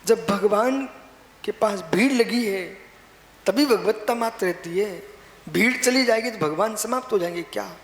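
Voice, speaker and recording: A middle-aged man, a Jain monk, preaching a sermon in an exhorting, repetitive way and often pushing up to emphatic high stress. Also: normal speed. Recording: echoey hall with faint hiss.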